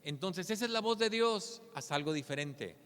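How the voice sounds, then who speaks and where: A man's voice: high voice, expressive, moderate pace, fairly bright tone, big-room sound. A man preaching a sermon as a pastor. He speaks earnestly and keeps asking rhetorical questions. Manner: earnest, asks rhetorical questions with a tag "¿verdad?".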